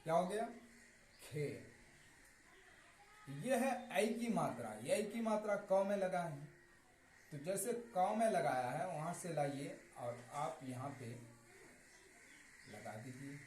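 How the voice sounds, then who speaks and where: A man teaching a slow, step-by-step writing lesson, patiently repeating each answer and dropping his voice at every result. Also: fairly high pitch, animated, darkish tone. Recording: echoey room with faint noise.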